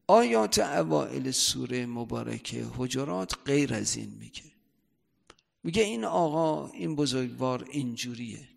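Male seminary cleric, heavy vocal fry, conversational lecture with loud bursts of emphasis, reverberant hall. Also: medium pitch. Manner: conversational, often checks listeners' understanding; rises sharply in loudness for emphasis. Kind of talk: religious lecture.

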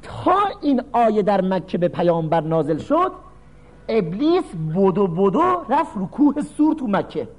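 A man preaches a sermon, reciting verses and then explaining them in lively storytelling. His voice runs high and swoops across a very wide range. He acts out the people in his stories. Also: low-quality recording.

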